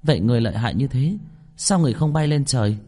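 A man's voice: medium pitch, animated, quick pace, mellow, slightly rough, voice pushed up. A man voicing a small, sulky ghost boy who whines indignantly and grits his teeth. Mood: resentful. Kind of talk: audiobook role voicing. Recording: long reverb.

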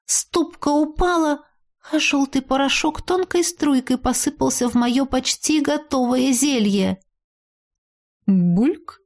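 A woman reading a first-person audiobook aloud, lively and expressive, with playful irony. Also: sits high, unhurried. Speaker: audiobook reader.

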